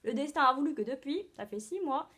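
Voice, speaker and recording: A woman's voice: high voice, animated, a little fast, a bit bright. A woman playing a chatty older aunt on a video call, who tells of her ailments in a breathless, dramatic way with many fillers. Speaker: drama student. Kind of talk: stage monologue acting.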